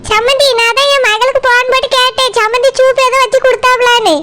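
A woman voicing a squeaky, pleading village mother. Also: steady tone, fast talker, noisy background. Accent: Tirunelveli Tamil. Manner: placating, soft-pleading. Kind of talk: cartoon dialogue.

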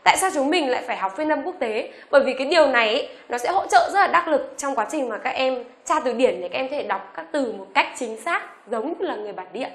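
A woman teaching an online beginners' lesson, asking the class questions and reading each letter slowly for them to repeat. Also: high voice, lively intonation, roomy sound. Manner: asks the class rhetorical questions; reads letters aloud slowly for repetition. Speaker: English teacher.

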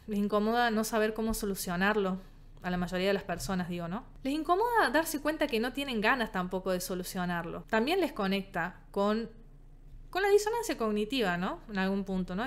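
A woman psychologist with a Rioplatense Spanish accent talking casually to her viewers, emphatic and animated, acting out the phrases people say. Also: mid-range voice, smooth. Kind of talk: casual talk to camera.

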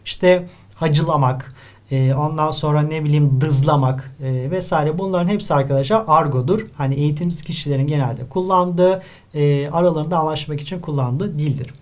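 A man's voice: fairly high pitch, moderate pace, darkish tone. A male literature teacher from Turkey working through an exam paper step by step, writing as he talks and often turning to his students. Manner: explains step by step, addresses students often, writes while talking. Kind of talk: exam-review lesson.

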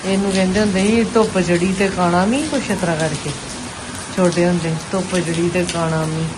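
A woman's voice: fairly low pitch, steady tone, a little fast. Chatty Punjabi woman vlogging over rain noise. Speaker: vlogger, channel host. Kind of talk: casual home vlog narration. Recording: noisy, rain sound behind the voice. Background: rain falling.

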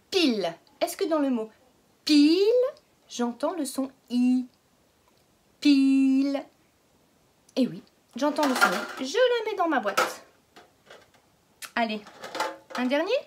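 A woman teaching a phonics lesson to young children, stretching out each word slowly and patiently asking questions. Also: high-pitched, fairly bright tone. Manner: slow, exaggerated word pronunciation. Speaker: kindergarten teacher.

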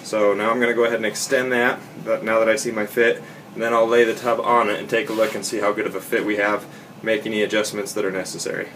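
A young man with a low, level voice walks through a home repair step by step in a casual how-to tone. He talks plainly, with fillers and quick self-corrections. He is picked up on a nearby camera mic in a basement room with a faint hiss behind him. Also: flat delivery, a bit bright. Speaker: DIY instructor. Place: unfinished basement bathroom, indoors. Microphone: camera mic, filming handheld and close.

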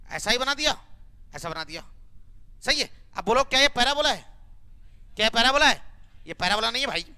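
Man, classroom maths teacher, high voice, clear and resonant, keeps prodding students to speak up. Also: bright, forceful tone. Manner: coaxing, repeatedly urging students to answer; rhetorical questions and homely examples.

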